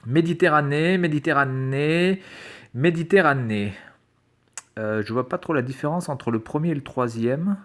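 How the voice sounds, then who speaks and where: A man's voice: mid-range voice, animated, brisk, hardly any pauses. A man reading quiz questions aloud and reacting to them with sarcastic, exasperated commentary. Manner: sarcastic, exasperated, swears and mutters. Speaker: video creator.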